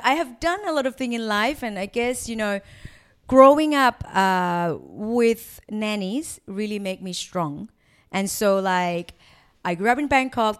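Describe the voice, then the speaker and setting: A woman's voice: medium pitch, clean tone. Laughing woman chatting. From Thailand. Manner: laughs often, loose playful talk. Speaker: guest, private chef. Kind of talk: casual chat.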